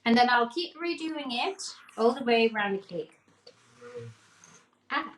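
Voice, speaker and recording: In an echoey room, a woman gives a casual, live cake-decorating lesson, chatting away, laughing a lot and asking "okay?" to check in. She speaks at a measured pace in a fairly high voice with lively intonation, over slight background noise.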